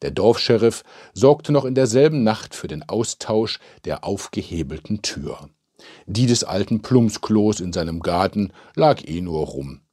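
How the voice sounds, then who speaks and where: A man with a low voice narrates a comic village tale slowly and steadily. His storytelling is calm and measured, like an audiobook. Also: slightly rough, dry recording, clean studio sound.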